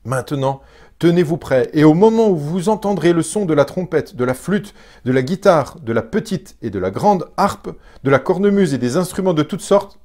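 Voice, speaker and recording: A man voicing a furious, proud tyrant king, reading the lines loud and raised as dramatized scripture. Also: a little high, animated, moderate pace, pitched above the performer's own voice. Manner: shouting threats, raised and loud.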